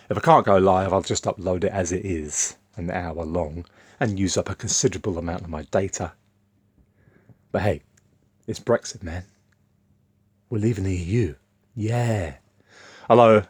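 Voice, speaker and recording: A man's voice: low voice, a little mellow, slightly rough, dry recording. A man, rambling bluntly in a casual off-the-cuff vlog monologue. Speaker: vlogger.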